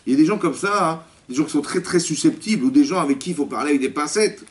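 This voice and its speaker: A male rabbi giving a spoken religious lesson to a women's class, lively, often asking the listeners questions and acting out dialogue. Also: on the high side, fast talker. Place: community hall classroom. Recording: distant mic with faint background noise.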